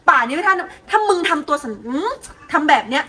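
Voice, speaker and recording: A brash teenage schoolgirl, played by a young woman in an amateur student drama. She talks in coarse slang and picks fights. Her voice is very high and bright. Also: expressive, brisk, slight background noise. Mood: argumentative.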